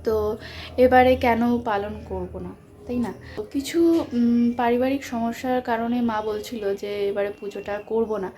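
A young woman with a Bengali accent chatting casually to her viewers in a home vlog, talking softly because of a sore throat. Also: on the high side, steady tone, normal speed. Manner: chatty, tag questions to viewers. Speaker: vlogger.

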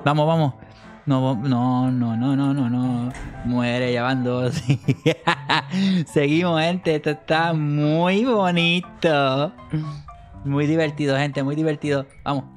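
Male gamer host, high voice, unhurried delivery, faint music under it. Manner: excitable, shouts and laughs at the game, eggs himself on. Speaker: gaming video host. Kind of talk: excited gameplay commentary.

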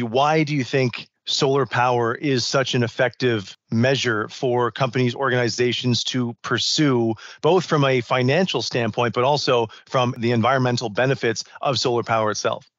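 A man's voice: medium pitch, fairly even intonation, moderate pace, few pauses, a bit bright, dry recording. Man co-host asking long questions. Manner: long wordy questions with fillers. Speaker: podcast co-host. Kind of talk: interview questions. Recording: dull dry studio sound.

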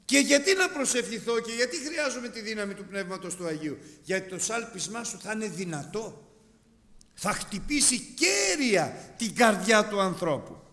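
A middle-aged man preaching a sermon with passion, rising to shouts and dropping to quiet asides. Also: sits high, very animated. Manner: impassioned, swings between shouting and quiet asides. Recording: long hall reverb.

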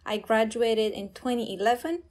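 Thirties woman from Bulgaria, slightly high voice, measured. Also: animated, a little mellow. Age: 30s. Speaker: alumna.

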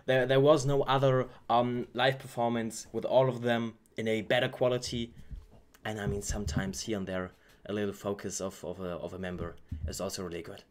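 A young German man hosts a casual reaction video from a home room lined with shelves, gushing and repeating his words as he watches. His voice is fairly low and level, his pace fairly quick, and music plays behind him.

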